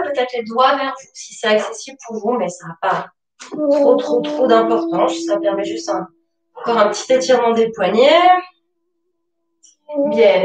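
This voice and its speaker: A woman yoga teacher guiding a class with slow, calm spoken cues and pauses. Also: fairly high pitch. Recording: roomy, from a distance. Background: soft music.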